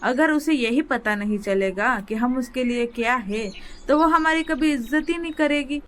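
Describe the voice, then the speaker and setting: Calm papa sparrow in a cartoon, woman putting him on, kinda high voice, faint hiss. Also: normal speed. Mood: reassuring. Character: calm father sparrow, patient.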